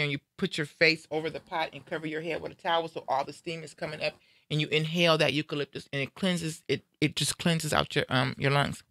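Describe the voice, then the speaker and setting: Bright-voiced woman around fifty chatting. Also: sits low, dry recording, studio quality. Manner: animated, laughing, storytelling. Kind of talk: casual chat.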